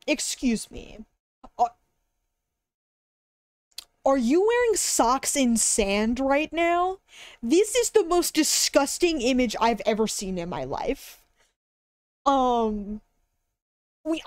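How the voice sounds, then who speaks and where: Young female streamer, cute bubbly anime-streamer manner, high and very animated, casual chat. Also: no room sound, studio quality. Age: young adult. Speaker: live streamer. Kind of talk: casual livestream chat, browsing and reacting. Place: indoor room at a streaming desk.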